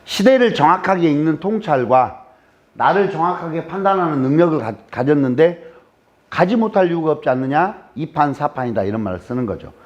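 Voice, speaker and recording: A man's voice: a little high, expressive, a little fast. A man from Jeolla with a Jeolla Korean accent, giving a humorous lecture to a live audience, joking, teasing and firing rhetorical questions at the crowd. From Jeolla, South Korea. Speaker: guest lecturer. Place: lecture room. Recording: dull lo-fi recording.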